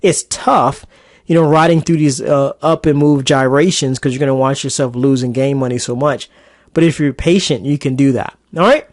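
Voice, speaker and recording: A man's voice: medium pitch, normal speed, no echo, studio quality. A man coaching traders in a casual, chatty screen-recorded market recap lesson. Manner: casual, chatty, with fillers and asides. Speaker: trading coach.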